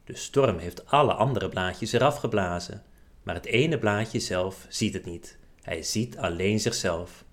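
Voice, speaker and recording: A man narrating a children's storybook chapter aloud in a gentle, expressive storytelling manner. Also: lowish voice, measured pace.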